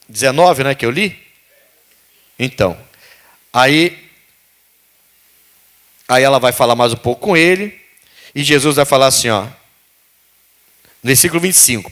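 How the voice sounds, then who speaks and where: A male pastor preaching a sermon, animated and calling out to the congregation. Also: medium pitch.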